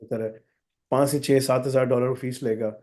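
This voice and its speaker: A man's voice: medium pitch, fairly even intonation, normal speed, darkish tone. A man with a sore throat, answering student questions in a live session in a direct, instructive way. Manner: direct, switches to English for emphasis. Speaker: college founder answering questions.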